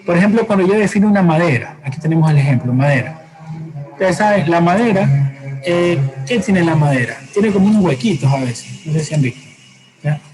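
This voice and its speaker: A man teaching a science class, explaining patiently with everyday examples, often pausing to hesitate and correct himself. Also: on the high side, animated, poor audio. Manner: frequent hesitations and self-corrections. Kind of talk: classroom lecture.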